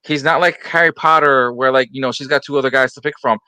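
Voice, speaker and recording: A man's voice: mid-range voice, steady tone, fast, sharp tone, no echo. A man hosting a casual pop culture podcast panel, steering the talk and calling on each guest by name. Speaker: podcast host.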